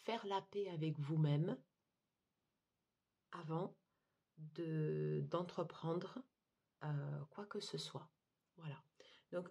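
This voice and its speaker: A woman giving a monthly tarot card reading, talking haltingly with many fillers and restarts. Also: medium pitch, darkish tone, husky. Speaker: tarot reader.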